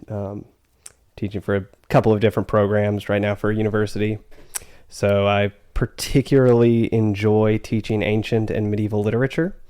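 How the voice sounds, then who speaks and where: A man's voice: fairly low pitch, dark tone, clear, resonant tone. A middle-aged man, an interview guest, telling anecdotes and answering in a casual conversational style. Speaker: guest, adjunct English literature professor.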